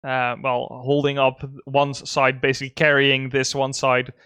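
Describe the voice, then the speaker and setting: A man's voice: mid-range voice, a little slow, smooth, no room sound, studio quality. A man running a tabletop game as game master, narrating loosely with fillers and frequent laughs. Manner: relaxed, laughing often, filler-heavy narration.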